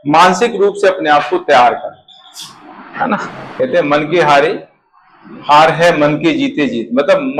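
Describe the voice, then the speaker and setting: A man's voice: a little high, fairly bright tone, low-quality recording. A middle-aged man, lecturing as an interview coach and often asking for agreement. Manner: explanatory, repeats "है ना?" for agreement. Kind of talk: classroom lecture.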